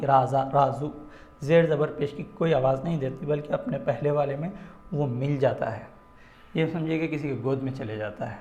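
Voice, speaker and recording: A man's voice: a little high, darkish tone, roomy sound. A man teaching a phonetics lesson, patiently sounding out example words one at a time.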